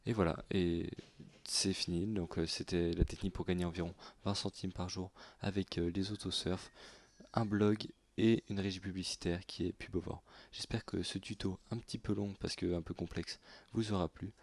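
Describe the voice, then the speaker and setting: A man, narrating a screen-recorded software tutorial, halting with many fillers and self-corrections. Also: sits low, level tone. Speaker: YouTube tutorial host.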